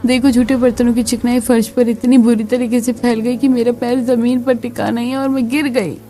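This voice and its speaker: A woman voicing a lazy, whiny elder daughter-in-law in a family skit, raising her voice high. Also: level tone, fairly quick, dark tone, lightly acted. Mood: complaining. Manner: high, whining.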